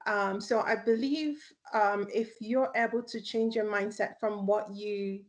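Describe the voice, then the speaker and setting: Slow gravelly-voiced woman hair expert. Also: medium pitch, fairly even intonation. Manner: unhurried, many "um" pauses. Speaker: hair specialist and educator. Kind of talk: panel discussion.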